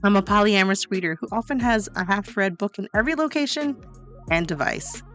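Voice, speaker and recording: A woman's voice: medium pitch, lively intonation, fairly quick, fairly bright tone. A woman in her forties from Louisiana, a romance author, giving a confident, sassy self-introduction. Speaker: podcast contributor, romance author. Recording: podcast with faint music underneath.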